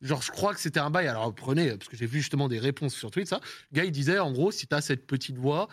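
Brisk, lively young-sounding man. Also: mid-range voice, slightly rough, no echo, studio quality. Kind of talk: casual group chat.

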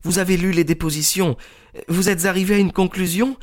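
A man's voice: high voice, steady tone, fairly quick, pitched above the performer's own voice, natural voice. A man voicing an agitated young woman in a storybook reading, pleading urgently in a raised voice. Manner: pleading, breathless insistence.

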